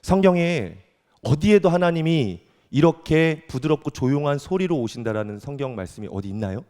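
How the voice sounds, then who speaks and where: A male pastor delivers a sermon in a large church hall, his voice carrying a long reverb. His tone is warm and mellow, and his pitch moves widely. He reads scripture slowly and moves between loud emphatic declarations and soft, quiet asides. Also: animated. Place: church sanctuary.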